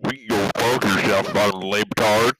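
A man's voice: fairly low pitch, steady tone, normal speed, background noise, lightly acted. A man playing a blustering, belligerent macho podcaster in an improvised comedy monologue, rambling and repetitive. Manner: repetitive, rambling, swearing bravado.

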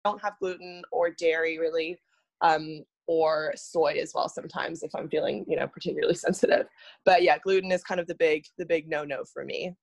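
Guest spot: young woman from Singapore, lowish voice, thoughtful, chatty. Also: fairly even intonation, brisk, vocal fry. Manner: thoughtful, many fillers and restarts. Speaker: podcast guest. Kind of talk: casual podcast chat.

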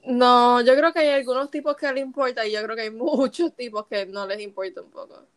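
High-voiced Puerto Rican woman speaking Spanglish. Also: a little fast. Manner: Spanglish, switching between Spanish and English mid-sentence; often checks she is understood with short tag questions. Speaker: podcast co-host. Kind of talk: casual chat.

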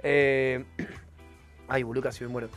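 A man's voice: mid-range voice, level tone, takes it slowly, soft background music. A young man with an Argentine accent, hosting a casual chat show in a playful, teasing way. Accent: Argentine Spanish. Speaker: podcast host.

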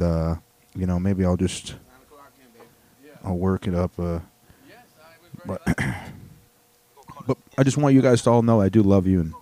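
Laid-back, profane American comedian. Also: male voice, deep voice, mellow. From United States. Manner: laid-back, loose and profane, with many fillers. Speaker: comedian and podcast host. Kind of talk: casual comedy talk.

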